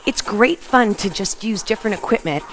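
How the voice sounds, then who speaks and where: Over music indoors in an open home living room, a middle-aged woman leads an aerobics workout while exercising herself, her cues short, punchy and encouraging. She has an animated, mid-range voice and a moderate pace. The recording is rough.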